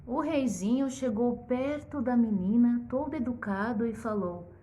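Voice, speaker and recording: A woman's voice: a little high, over loud music. A woman educational psychologist narrating a children's story expressively and ending with a moral lesson. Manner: slow, expressive, teacherly.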